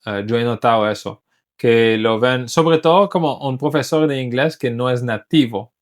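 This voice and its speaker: A man's voice: mid-range voice, normal speed. Man speaking Spanish as a learned language. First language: English. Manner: thoughtful, restarts words while searching in Spanish. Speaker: English teacher. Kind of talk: casual talk to camera.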